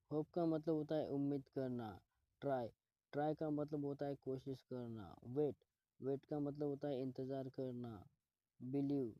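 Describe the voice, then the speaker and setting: A male teacher works through a vocabulary list in a steady, methodical rhythm, repeating each word before explaining it. His voice sits a little high but sounds mellow, and the recording is dry and close. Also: no echo. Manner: addresses viewers as friends. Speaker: English teacher. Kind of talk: vocabulary lesson.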